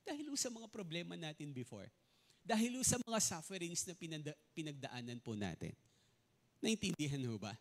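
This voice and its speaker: A man's voice: a little high, very animated, a little fast. A man preaching a sermon as pastor, often mixing in English and asking the congregation if they follow. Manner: mixes in English, asks the congregation questions often.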